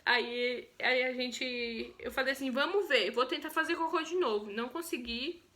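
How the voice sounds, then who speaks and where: Chatty high-voiced Brazilian woman. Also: normal speed. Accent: Brazilian Portuguese. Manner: chatty and expressive, acts out her own cries and quotes. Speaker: vlogger telling her birth story. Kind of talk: casual storytelling vlog.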